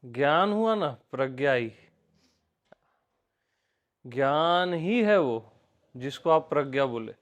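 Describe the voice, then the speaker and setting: An Indian man leads a relaxed satsang, speaking slowly and unhurriedly. His voice sits a little high for a man. He keeps returning to the same words and puts questions to the people in front of him. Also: dull audio. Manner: repetitive, questioning, conversational teaching. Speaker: spiritual teacher. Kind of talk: informal satsang discourse.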